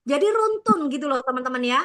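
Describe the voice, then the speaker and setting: A woman trainer leads an online sales coaching session with a high voice. Her tone is bright and ringing. She talks with lively energy, heaping praise on her team as she coaches. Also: quick pace.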